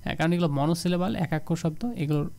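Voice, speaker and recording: A young man from Bangladesh giving a casual exam-prep lesson, explaining rules step by step and repeating examples slowly. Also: on the high side, gravelly, darkish tone. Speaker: exam tutor.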